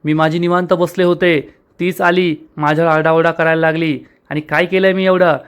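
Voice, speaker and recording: A man's voice: fairly high pitch, little pitch movement, normal speed, clean tone, lightly acted. A man voicing an angry, scheming older woman in a storybook retelling, reading her lines in a scornful, quarrelsome manner.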